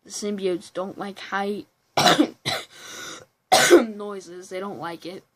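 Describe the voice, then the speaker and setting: A woman's voice: medium pitch, fairly even intonation, drawn-out words, a bit bright, rough recording. A woman giving a casual, rambling movie review at home, often restarting sentences and breaking into giggly asides. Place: room at home with a computer behind her.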